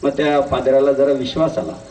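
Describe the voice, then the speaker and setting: A man's voice: mid-range voice, fairly even intonation, a little fast, mellow. Man giving a storytelling speech in an echoey hall. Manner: tells parables with a moral. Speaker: convocation speaker. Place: graduation ceremony hall. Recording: echoey hall, distant mic.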